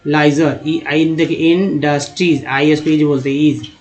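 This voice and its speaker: A man gives a spoken lesson over slides, naming letters and then sounding them out part by part. His voice sits a little on the high side. He talks to his viewers as friends. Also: level tone, a little slow, darkish tone. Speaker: English reading teacher.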